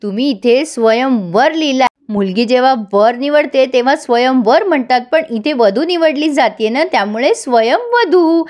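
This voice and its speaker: A cheeky young bride-to-be, read out by a woman, drawls her words in a slow, teasing sing-song. The voice sits a little high. It sounds like a serial recap told aloud. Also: expressive, darkish tone. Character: cheeky young bride candidate, bold and playful.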